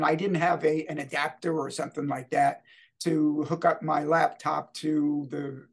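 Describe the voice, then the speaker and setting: A middle-aged man with a New York accent hosts a quiz segment in casual podcast chat, talking in a deliberate, discursive way. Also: on the high side.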